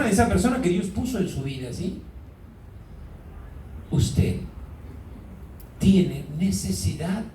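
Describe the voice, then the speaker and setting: High-voiced priest in an echoey church. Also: male voice, a little hiss or hum. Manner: asks the congregation questions, drawn-out emphasis. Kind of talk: sermon. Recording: echoey hall, mic far off.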